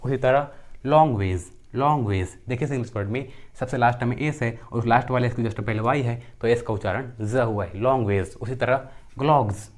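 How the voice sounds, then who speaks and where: A man's voice: mid-range voice, brisk. A young man teaching pronunciation, repeating each rule and example word and answering his own questions. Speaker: English teacher. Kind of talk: pronunciation lesson.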